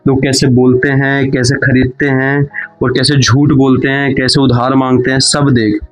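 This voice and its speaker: A man's voice: medium pitch, level tone, moderate pace, faint music behind, natural voice, poor audio. A man voicing a patient big-brother mentor who gives coaxing, reassuring advice. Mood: advising.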